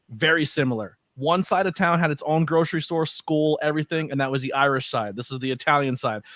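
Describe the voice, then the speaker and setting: Chatty host in a dry room. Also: male voice, fairly high pitch, fairly bright tone, no room sound. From northeastern Pennsylvania. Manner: enthusiastic and chatty, stammers on repeated words. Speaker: podcast host. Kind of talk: casual interview conversation.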